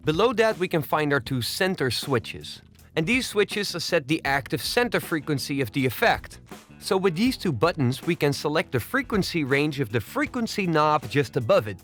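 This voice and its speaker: A man presenting an audio plugin tutorial in a home studio, explaining each control step by step in a steady, methodical way. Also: a little high, normal speed, soft background music. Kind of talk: software walkthrough tutorial.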